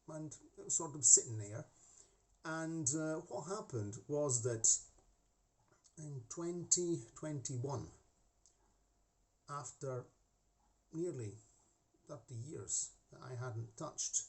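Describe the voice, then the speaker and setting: A middle-aged, half-Scottish man with a Scottish-tinged English accent hosts a hobby model-making channel, chatting casually to camera from his home hobby room with a desk, restarting often and adding asides. His voice is mid-range and a little mellow, recorded by a camera facing him.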